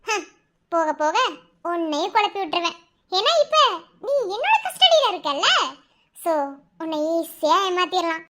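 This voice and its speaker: A woman's voice: very high voice, very animated, normal speed, long pauses, a bit bright, heavily acted. An actress playing a vengeful, scheming wife who taunts her husband with mocking laughter. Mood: gloating. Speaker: villain. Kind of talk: TV serial dialogue.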